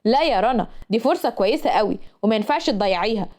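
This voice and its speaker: Woman doing a bossy egyptian dad, firm and scolding, quick talker. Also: a little high, expressive, darkish tone, close to an everyday voice. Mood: stern. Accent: Egyptian Arabic. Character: stern middle-aged father, bossy.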